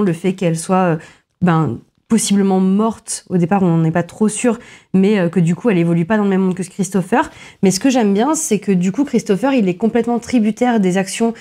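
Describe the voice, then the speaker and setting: Woman podcaster, mellow mid-pitched voice, hesitant chatty critic. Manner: many filler pauses, restarts, self-deprecating asides. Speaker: film podcast co-host. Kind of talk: casual film analysis chat.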